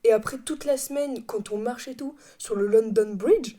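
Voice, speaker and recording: A young woman from France chats through her podcast from home, rambling and correcting herself as she goes, laughing often. Her voice sits fairly high but has a soft, mellow tone. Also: moderate pace. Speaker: podcast host. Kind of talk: casual chat. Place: home room.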